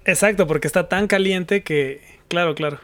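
A man's voice: high voice, moderate pace, a bit bright. A man, co-hosting a casual chat with short, agreeing replies. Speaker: podcast co-host.

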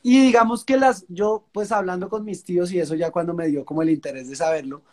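A young Colombian man with a Colombian Spanish accent, a singer-songwriter chatting in an interview and telling relaxed stories. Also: high-pitched, a little fast. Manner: relaxed, storytelling, uses fillers like pues. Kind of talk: casual interview chat.

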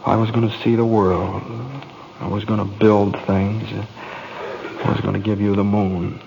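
An actor playing an earnest, excitable young small-town man in a radio drama, folksy, hesitant and stammering. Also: lowish voice, a little slow, gravelly, muffled recording. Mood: dejected. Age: young adult. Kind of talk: old-time radio drama acting. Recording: faintly noisy vintage radio broadcast.

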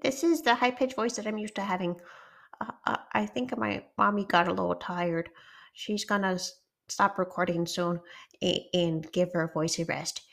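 A woman's voice: fairly even intonation, normal speed, gravelly, a bit bright. Christmas Koala, a woman doing a cheerful girl koala. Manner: high, sweet, childlike chatter. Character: chatty little girl koala toy, cheerful.

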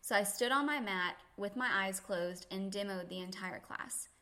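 On a podcast, a woman who teaches yoga tells sincere, reflective stories about faith and teaching, often breaking into easy laughter. Her voice is mid-range with a sharp tone, delivered at a normal speed, in a faith-centered conversational style.

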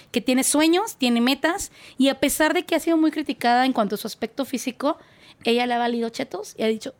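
Mexican woman singer, high voice, animated storyteller, casual podcast chat. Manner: animated, acts out voices and sound effects while telling stories. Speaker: guest singer.

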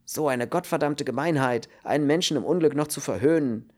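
A man's voice: fairly high pitch, fairly quick, a little mellow, voice pushed up, lightly acted. A man voicing a fretful, luckless male refugee who frets and complains. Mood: indignant. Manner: anxious, complaining. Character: fretful luckless male refugee, middle-aged, easily upset.

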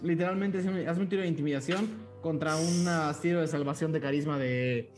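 A man's voice: on the high side, fairly quick, music in the background. Man running a tabletop game. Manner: calls for rolls, describes effects. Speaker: game master.

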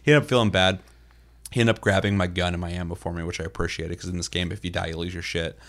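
A man with a very low-pitched voice chats casually on a gaming podcast. His delivery is loose and rambling, padded with fillers and dotted with swearing. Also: fairly even intonation, fast talker, fairly bright tone. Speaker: podcast co-host.

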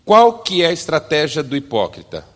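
A man's voice: on the high side, wildly swooping pitch, moderate pace, big-room sound. A man preaching a sermon, building points with rhetorical questions and dry, joking asides. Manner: rhetorical questions, rising emphatic delivery, wry asides.

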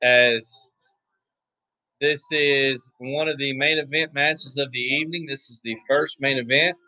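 A hoarse man, giving laid-back, chatty play-by-play commentary on a wrestling match, with offhand asides. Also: medium pitch, steady tone, unhurried, bright, forceful tone, no echo, rough recording. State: hoarse, losing his voice. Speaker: wrestling watch-along commentator.

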